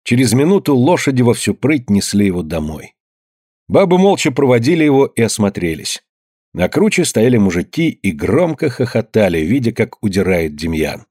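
A man narrating an audiobook in a measured, grave storytelling manner. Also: fairly low pitch, very animated, a little mellow, slightly rough, dry recording, clean studio sound. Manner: measured, grave storytelling, slowing at somber moments.

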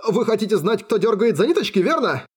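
A man voicing a panicked male thug prisoner who begs for his life, in a high, frantic voice, for an audiobook. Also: big pitch swings, fast talker, slightly rough, heavily acted. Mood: gabbling confession. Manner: frantic, gabbling pleas.

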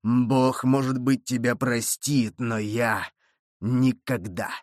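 A man's voice: mid-range voice, fairly even intonation, slow, no room sound, clean studio sound, natural voice. A man reading an audiobook and voicing a young avenger disguised as a monk, stern and accusing. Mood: merciless.

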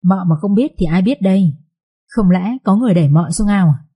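A woman's voice: mid-range voice, a little fast, warm tone, husky, close to an everyday voice. A woman voicing a cold, bossy young master who talks to the servants in a curt, scolding way. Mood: gruff scolding.

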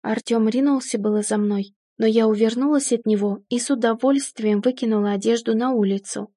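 A woman narrating a first-person story as an audiobook in a steady, measured way. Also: a little high, no echo, studio quality.

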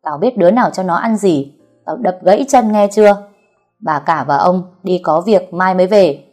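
A woman's voice: lowish voice, normal speed, darkish tone, soft background music, close to an everyday voice. A woman voicing a spiteful, domineering middle-aged concubine who scolds and threatens servants.

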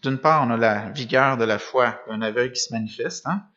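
Sharp in tone and a little fast, a medium-pitched man gives a sermon from a church or meeting room with a screen at his back. He reads gospel passages, then comments, asking rhetorical questions and restarting occasionally. The sound is dull and lo-fi.

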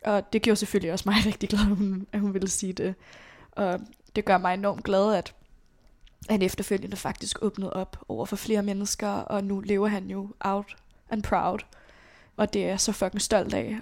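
A young woman telling a personal story as an interview guest, in a casual, halting way with many fillers and casual swearing. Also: medium pitch, little pitch movement, a little mellow. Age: young adult.

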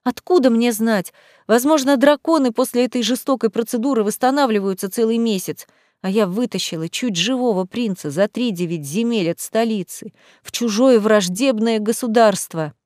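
A woman reading a first-person fantasy novel aloud with an expressive, emotional delivery. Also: a little high, normal speed, no echo, clean studio sound. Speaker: audiobook narrator. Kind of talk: first-person audiobook narration.

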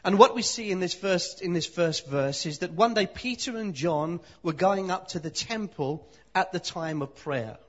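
Husky London preacher, lively and short-phrased. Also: male voice, high-pitched, muffled recording. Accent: London English. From London, England. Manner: lively, pauses for interpreter, speaks in short phrases. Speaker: visiting preacher. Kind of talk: sermon with live interpretation.

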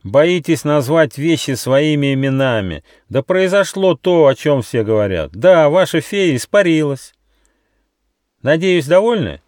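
A man's voice: medium pitch, very animated, brisk, few pauses, no room sound, pitched above the performer's own voice, close to an everyday voice. A man voicing a blunt little male squirrel who snaps angrily, in a dry-sounding storybook reading. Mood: angry. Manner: shouts angrily, sharp-tongued.

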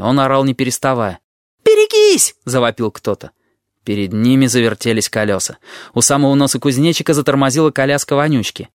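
A man narrating an audiobook in an expressive reading voice, acting out the dialogue. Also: medium pitch, no echo, clean studio sound.

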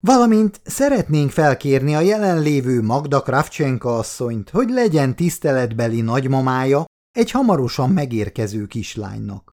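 A man's voice: mid-range voice, very animated, few pauses, a little mellow. A man doing a playful young man. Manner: playfully formal announcing.

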